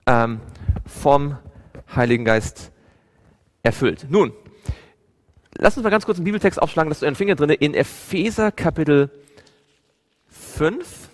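A man delivers a Bible study sermon, telling the story with animation and putting questions to his listeners. His voice sits slightly high for a man. The sound rings with the long reverb of a church hall. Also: expressive, measured pace, long pauses. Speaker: preacher.

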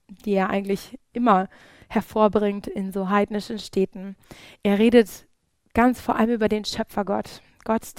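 A woman's voice: medium pitch, dry recording. Earnest woman preaching, dry sound. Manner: earnest, with frequent fillers and restarts. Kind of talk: Bible study sermon.

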